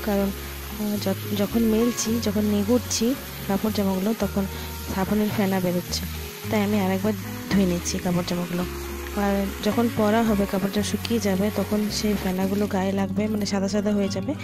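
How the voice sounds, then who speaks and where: A woman's voice: mid-range voice, little pitch movement, a little fast, over music. A woman vlogging her daily chores, chatting to viewers step by step as she films on a phone. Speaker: home vlogger and mother. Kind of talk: casual daily-life vlog narration. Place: at home and out shopping.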